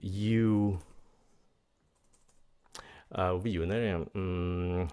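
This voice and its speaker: A man teaching English vocabulary in a bilingual lesson, explaining words slowly and repeating pronunciations, switching between English and Vietnamese. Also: deep voice, steady tone, mellow, smooth. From United States.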